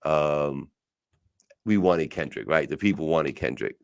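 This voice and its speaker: A man's voice: rumbling low, measured pace, creaky, clean tone, dry recording, studio quality. A man co-hosting a casual podcast, laid-back, asking questions and agreeing often. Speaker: podcast co-host. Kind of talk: casual chat.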